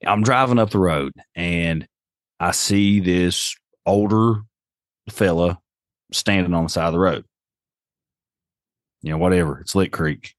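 A man's voice: low voice, a little slow, pauses often, no room sound, studio quality. A man with an Appalachian accent telling a story casually on a podcast, in a folksy, slangy way. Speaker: podcast host.

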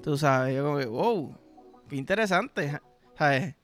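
A man's voice: on the high side, lively intonation, unhurried, fairly bright tone, faint music behind. A young Puerto Rican man hosting a podcast, rambling through vulgar comic stories with sound effects and frequent swearing. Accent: Puerto Rican Spanish. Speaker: podcast host. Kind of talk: crude comedic monologue.

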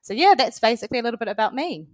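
This is a woman in her late twenties with a New Zealand accent, a head of customer success appearing as an interview guest. Her voice is a little high and animated, and she talks very fast, chatty and friendly, dropping in lots of "you know." The sound is clean studio quality with no echo.

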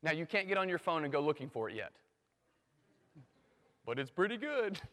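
A man preaching a sermon to a live audience, swinging from loud bursts to hushed near-whispers and making playful sound effects. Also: on the high side, sing-song, normal speed. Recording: long hall reverb.

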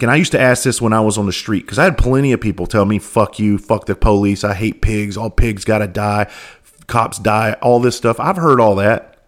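A man who used to be a police officer, hosting a podcast and talking bluntly in a casual monologue, full of swearing and rhetorical questions. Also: lowish voice. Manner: repeats words when starting sentences.

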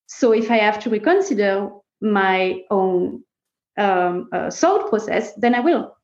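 A woman's voice: mid-range voice, expressive, measured pace, a little mellow. A woman startup co-founder in a casual interview, talking emphatically in startup buzzwords, with non-native English phrasing. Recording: muffled, echoey room sound.

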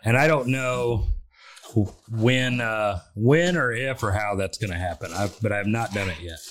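A man's voice: fairly low pitch, a little slow, a bit bright. A man hosting a casual live show, chatting while eating gross spicy jelly beans. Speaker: show host.

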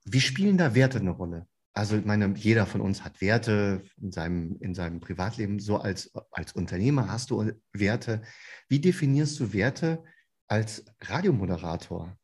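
A man's voice: fairly low pitch, lively intonation, moderate pace, darkish tone, slightly rough. A man hosting a podcast, asking open questions and encouraging his guest. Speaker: podcast host. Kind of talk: casual interview.

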